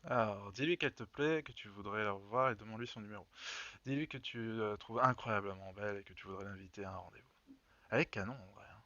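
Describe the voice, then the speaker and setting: A man's voice: fairly low pitch, fast, bright, forceful tone, no echo. A man hosting a let's play, joking, laughing and thinking aloud as he picks choices. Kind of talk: casual gameplay commentary. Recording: dull lo-fi sound.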